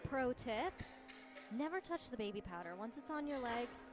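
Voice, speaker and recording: A woman's voice: a little high, animated, moderate pace, music in the background. A woman giving casual live sports commentary in a supportive, encouraging way.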